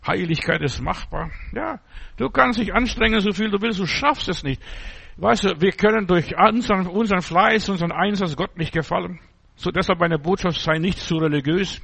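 Gravelly husky guy preaching, blunt and mocking, choppy short phrases. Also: high-pitched, a bit bright. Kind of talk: informal sermon.

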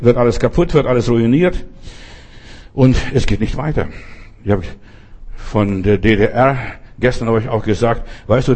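A man's voice: mid-range voice, dark tone, breathy edge. A man preaching a sermon in an exhorting way, speaking straight to the listener and repeating short commands. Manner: exhorting, addresses listener directly as du.

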